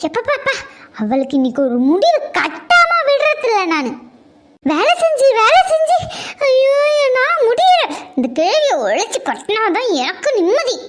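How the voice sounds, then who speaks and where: A woman's voice: very high voice, huge pitch swings, normal speed, heavily acted. A woman doing a vain complaining daughter-in-law. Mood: exasperated. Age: 40s. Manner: complaining loudly, vain, sugary to her mother-in-law. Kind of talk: comedy skit.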